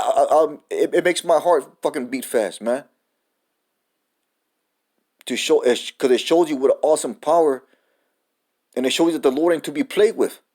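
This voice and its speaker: A man preaches in a loose, profane way, repeating himself and tacking "man" onto his sentences. He stops to read verses and word definitions aloud. His voice sits at an ordinary middle pitch for a man. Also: a little mellow. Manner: profane, repetitive, says "man" often; reads scripture and definitions aloud. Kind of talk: informal sermon.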